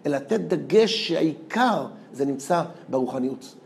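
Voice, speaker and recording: A man, a rabbi, giving a lively storytelling lecture, often repeating words and laughing through his anecdotes. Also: a little high, creaky, a little hiss or hum. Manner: animated, repeats words, laughs as he tells stories.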